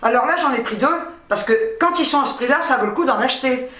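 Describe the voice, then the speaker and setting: A woman's voice: sits high, animated, fast, sharp tone, recorded from a distance. A woman vlogger chatting casually through her shopping haul, blunt and cheerfully profane. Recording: roomy, from off-mic.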